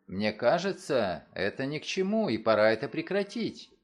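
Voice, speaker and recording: A man's voice: mid-range voice, sing-song, normal speed, lightly acted. A man reading aloud and voicing an anxious young woman in an audiobook, speaking hesitantly and with worry. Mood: worried.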